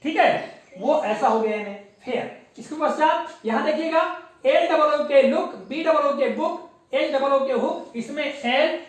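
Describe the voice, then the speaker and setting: A woman's voice: sits high, a little slow. A woman teacher giving a classroom spelling lesson, spelling words out letter by letter and quizzing her pupils. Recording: very echoey room, mic far off.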